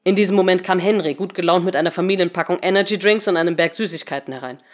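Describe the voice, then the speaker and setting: A woman narrating a German story in a calm, even storytelling way. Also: lowish voice, fast talker. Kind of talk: audiobook narration.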